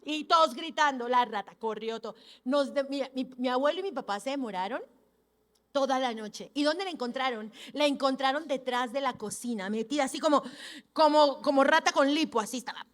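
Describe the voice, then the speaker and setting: A woman's voice: sits high, a little fast. A woman from Peru with a Peruvian accent, preaching a sermon in a church and telling a family story, acting out the voices of relatives. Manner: animated, acts out family members' voices. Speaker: pastor. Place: church hall.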